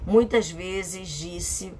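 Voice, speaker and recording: A woman's voice: fairly low pitch, extremely slow, mellow, slight background noise. Chatty middle-aged Brazilian vlogger woman. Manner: chatty, emphatic, repeats phrases for effect. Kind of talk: casual vlog monologue.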